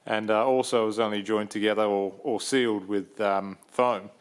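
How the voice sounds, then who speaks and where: A man's voice: lowish voice, moderate pace, roomy sound. A young Australian man casually explaining a car part swap in a workshop shed, plain-spoken with plenty of ums. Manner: relaxed, plain-spoken, frequent ums and uhs. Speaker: vlogger. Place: large metal workshop shed.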